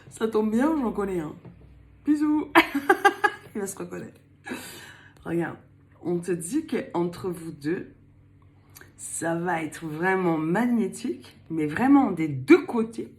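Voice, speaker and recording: A woman's voice: on the low side, animated, slow pace, darkish tone. Chatty older woman giving a tarot reading. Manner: chatty, playful, laughs often, slips into a put-on accent. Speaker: tarot card reader. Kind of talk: casual tarot reading to camera.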